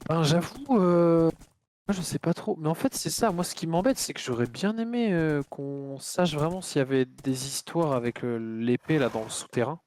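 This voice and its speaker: French-accented male co-player, teasing casual banter, slightly high voice, faint background noise. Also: lively intonation, normal speed, darkish tone. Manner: joking, teasing. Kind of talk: casual gaming chat.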